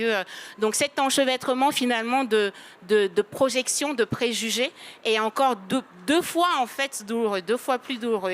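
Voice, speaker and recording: A woman in her late thirties who grew up in Cameroon, giving a measured personal account as a panel guest. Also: mid-range voice. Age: late 30s. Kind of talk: personal testimony in a panel discussion.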